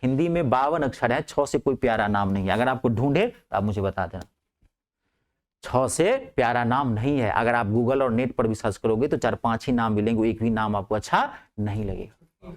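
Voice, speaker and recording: A man's voice: medium pitch, expressive, normal speed. A male teacher telling a humorous story to his class, chatty, with phrases repeated for effect.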